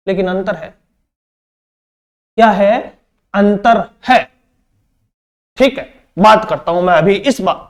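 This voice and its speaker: A man teaches grammar for an exam. He repeats each phrase, poses questions and answers them himself, and calls his students "beta". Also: very high-pitched. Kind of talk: exam-prep grammar lesson.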